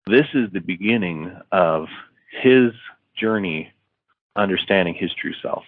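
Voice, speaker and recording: A man's voice: deep voice, no room sound. A man, an author guest on a podcast interview, retelling a story in a rambling way with many fillers and restarts. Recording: tinny phone-like line, dry.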